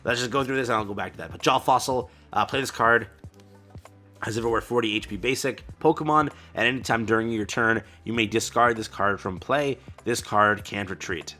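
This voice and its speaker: A man hosting a card-game channel, giving an excited, casual reaction commentary full of exclamations and slang like bro and dude. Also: on the low side, a little fast, faint music behind. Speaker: card game content creator.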